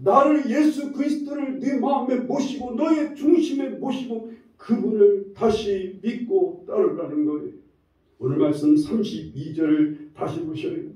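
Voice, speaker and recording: Male pastor preaching, mellow dark tone, heard from a distance in a reverberant sanctuary. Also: high voice, fairly even intonation, a little slow. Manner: preaching with frequent shifts in force, rising to near-shouts. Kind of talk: sermon. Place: church sanctuary. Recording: roomy echo from a distance, dull lo-fi sound.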